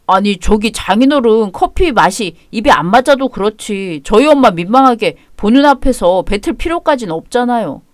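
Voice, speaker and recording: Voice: mid-range voice, lively intonation, normal speed, few pauses, no echo, clean studio sound, close to an everyday voice. An actor voicing a meek young husband who talks in a nervous, placating way. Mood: protesting.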